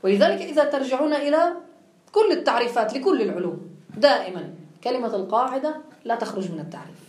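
Woman teaching in a roomy hall. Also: on the high side. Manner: explains step by step, poses questions to students then answers them. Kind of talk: classroom lecture.

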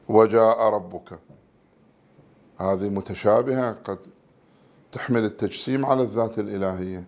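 Male religious studies teacher with a gravelly voice, reading and explaining a textbook point by point. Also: medium pitch. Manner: measured, reads numbered terms then explains them.

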